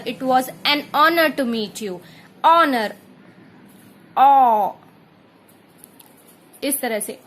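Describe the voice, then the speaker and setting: High-voiced Indian woman teaching grammar. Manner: patient, spells out examples slowly. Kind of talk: explaining English grammar lesson.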